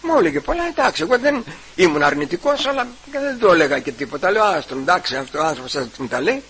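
A man giving a personal testimony at church. He retells the conversations and keeps repeating "I say" and "he says", with halting restarts. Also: sits high, very animated, a bit bright, husky, rough recording.

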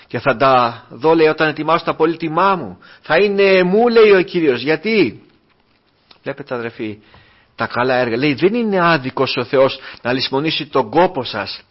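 A man preaching a sermon, earnest and repetitive, moving from soft, quiet asides to raised, urgent exhortation. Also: fairly high pitch. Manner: repeats refrains, addresses listeners as brothers. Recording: dull lo-fi sound.

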